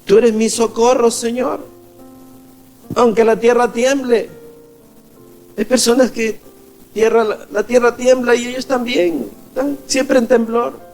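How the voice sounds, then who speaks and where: A man's voice: very high-pitched, steady tone, unhurried, vocal fry, pauses often, a little mellow, soft background music. A man preaching a sermon as a pastor, calling his listeners "beloved" and acting out quoted voices. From Ecuador. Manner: preaching, calls the congregation "amados", acts out quoted voices.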